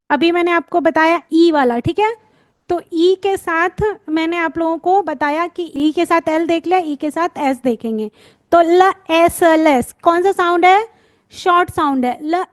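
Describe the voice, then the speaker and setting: Her voice is extremely high as she gives a phonics lesson, sounding out letters and words with patience and checking that her students follow. There's no echo on the recording.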